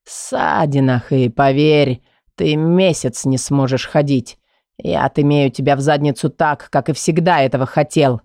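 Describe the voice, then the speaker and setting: A woman reading an audiobook, voicing a cruel, domineering young man who talks in a low, threatening, vulgar snarl. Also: unhurried, dark tone, no room sound, clean studio sound. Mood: menacing.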